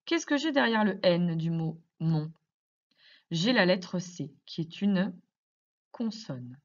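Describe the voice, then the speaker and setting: A woman teacher explaining grammar to young children in slow, careful speech, asking many questions. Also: fairly low pitch, animated, lo-fi sound. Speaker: primary school teacher.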